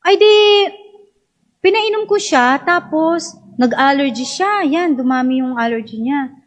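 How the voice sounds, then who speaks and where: Chatty high-voiced Filipina storyteller. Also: female voice, lively intonation, measured pace. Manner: chatty, laughs often, acts out quoted voices. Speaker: speaker sharing a personal story. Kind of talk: casual storytelling to a congregation.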